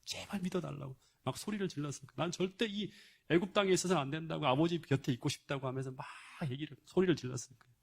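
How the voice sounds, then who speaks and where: A man's voice: fairly high pitch, rapid-fire, gravelly. A male pastor giving a sermon, retelling a Bible story emphatically with rhetorical questions and frequent interjections of "yes".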